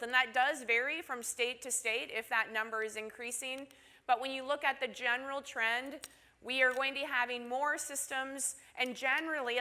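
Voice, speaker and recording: A woman from Minnesota with a Minnesotan accent gives a chatty conference presentation, often asking the audience questions tagged with "right?". Her voice is high, pushed and bright.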